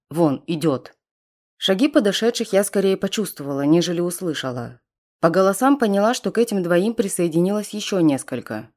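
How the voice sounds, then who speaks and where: A woman with a lowish voice narrates a first-person audiobook in a tense, dramatic way. Her delivery is steady and close.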